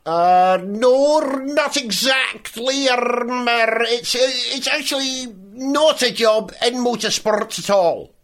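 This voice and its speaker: Man acting as Scottish racing driver, raised pitch, hesitant and evasive, comedy sketch interview. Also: takes it slowly, hardly any pauses, a bit bright, exaggerated voice. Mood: evasive, awkward.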